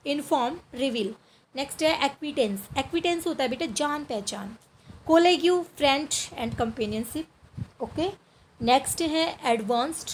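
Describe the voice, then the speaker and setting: Indian woman, schoolteacher, high voice, word lists for kids, faint background hiss. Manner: repeats word lists, calls pupils "beta" and "bachche". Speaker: teacher. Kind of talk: online vocabulary lesson for children.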